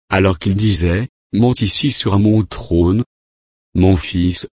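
A man preaching a sermon, reading numbered Bible verses aloud and commenting on each in a measured way. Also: on the low side, darkish tone, dry recording, studio quality.

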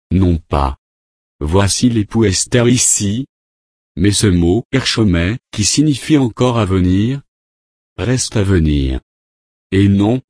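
A man's voice: fairly low pitch, a little mellow, no room sound, studio quality. A man preaching a sermon, explaining scripture verse by verse and asking rhetorical questions.

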